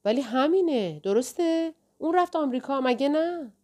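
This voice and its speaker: A woman reading the part of a blunt, sharp-tongued woman who teases her friend, in audiobook dialogue. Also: sits high, expressive, pitched above the performer's own voice. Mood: teasing. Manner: teasing, blunt.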